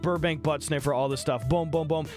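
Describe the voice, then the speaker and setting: A man live-streaming from home, telling a wild story in an excitable, profane rush and tossing in quick voices for other people. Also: fairly high pitch, faint music behind.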